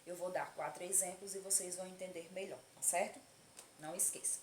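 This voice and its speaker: An affectionate Brazilian woman teaches young children in a casual video lesson and keeps checking that they follow. Her voice sits a little low. The room is echoey, with a faint hum of noise behind her. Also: steady tone, a little fast, a little mellow. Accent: Brazilian Portuguese. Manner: affectionate, checks in often with "tá certo?". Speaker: primary school teacher.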